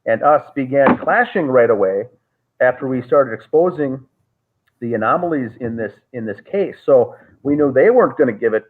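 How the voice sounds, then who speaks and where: A man being interviewed on a call spins out a lengthy story, rambling and restarting often with frequent "uh"s. His voice is medium in pitch, animated and moderately paced, and the call audio sounds thin and tinny.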